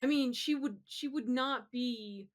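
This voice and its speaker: A woman with a fairly high voice and a measured pace co-hosts a live-streamed podcast, chatting casually and with strong opinions about pop culture in an informal way.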